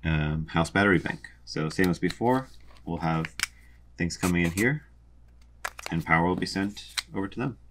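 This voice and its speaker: A young man calmly explains a boat's electrical wiring while drawing a diagram, methodical, with frequent ums. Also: low-pitched, normal speed, long pauses, background noise. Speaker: sailing vlogger explaining a boat electrical system.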